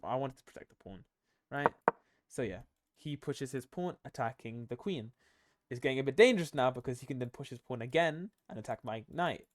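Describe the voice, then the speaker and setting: A tired young man commenting on his own chess game, thinking aloud with many ums and self-corrections. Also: medium pitch. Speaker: chess streamer.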